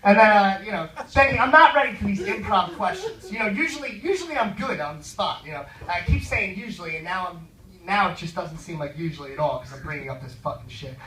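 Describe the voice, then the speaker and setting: Male stand-up storyteller, high voice, profane and rambling; distant mic in an echoey room. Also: expressive, fairly quick, bright, forceful tone. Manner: profane, rambling, full of fillers. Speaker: stand-up comedian.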